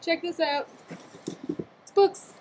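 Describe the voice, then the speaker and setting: A young adult woman reads a picture book aloud to her small relatives as their aunt, keeping it playful with chatty questions and exclamations. Her voice is very high-pitched and slow. A computer webcam mic at arm's length picks it up against a noisy background.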